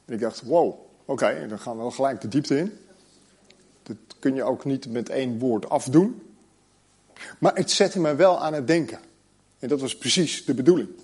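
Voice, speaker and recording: Husky Dutch-speaking preacher man. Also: mid-range voice, darkish tone. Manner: pausing slowly on key words. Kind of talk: sermon with scripture reading.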